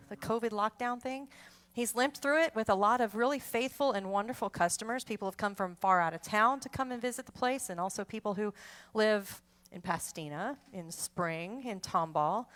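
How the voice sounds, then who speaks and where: A woman from Texas with a fairly high, slightly bright voice hosts an online music show as a polka band musician. Between polka songs she chats casually in a rambling way.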